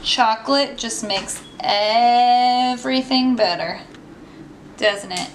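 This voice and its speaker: A woman hosts her own home cooking vlog, chatting upbeat to the camera. Her voice sits fairly high. She is heard in an echoey home kitchen with steady noise behind her. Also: takes it slowly. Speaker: cooking show host. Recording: echoey kitchen, noisy background.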